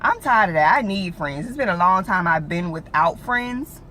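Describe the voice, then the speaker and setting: A woman's voice: fairly low pitch, expressive, moderate pace, pushed and bright, a little hiss or hum. A woman in her late twenties chatting casually in a vlog, rambling with many fillers like "like" and "you know", three weeks after giving birth. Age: late 20s. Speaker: vlogger.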